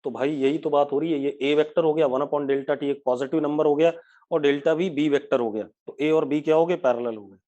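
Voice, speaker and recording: Male physics teacher, brisk and scolding, live online lecture. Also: fairly high pitch, steady tone, warm tone, highs cut off. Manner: brisk, scolds students by name.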